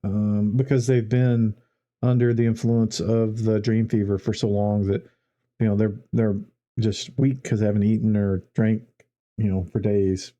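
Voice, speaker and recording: A man's voice: on the low side, level tone, measured pace, warm tone, highs cut off. A man running a tabletop game as game master, describing scenes in a loose, conversational way.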